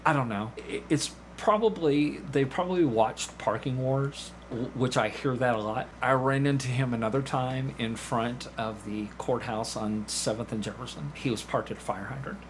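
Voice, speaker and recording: Telling anecdotes and performing snippets of dialogue, this man is a community theatre actor guesting on a podcast. He talks in a mid-range voice at normal speed with few pauses, over a slight hiss or hum.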